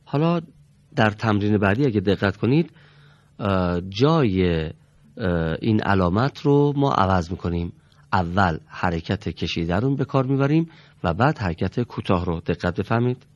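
A man with a lowish, expressive voice teaches a Quran reading class, calling on students politely and patiently correcting their pronunciation of each letter. The classroom recitation lesson is recorded with no echo but sounds dull.

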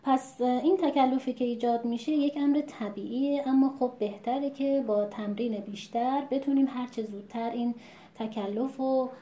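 Mellow woman teaching Quran recitation. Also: on the high side, fairly even intonation. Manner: measured, patient, demonstrates pronunciations aloud. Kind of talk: explanatory lesson. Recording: echoey room.

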